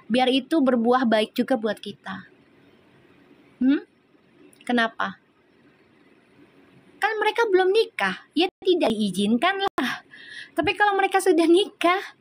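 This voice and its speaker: Middle-aged woman, slang, livestream host; high voice, chatty, affectionate with viewers. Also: a bit bright. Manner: chatty, addresses viewers as sayang, sprinkled with religious phrases. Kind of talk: casual livestream chat reading viewer comments.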